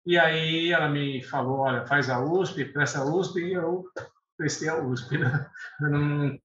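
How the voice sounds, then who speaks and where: An eye doctor in his sixties, born in Lebanon and a native Arabic speaker, talks unhurriedly as a guest in a conversational interview, using fillers and restarting sentences. His voice sits on the high side, relaxed and a bit bright. The room is echoey, the sound slightly dull, with faint noise.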